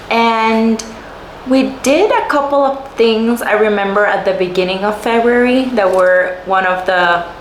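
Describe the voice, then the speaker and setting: Chatty Puerto Rican woman vlogging. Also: mid-range voice. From Puerto Rico. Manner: animated, laughs often, filler-heavy. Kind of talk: chatty life-update vlog. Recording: roomy echo, faint room noise.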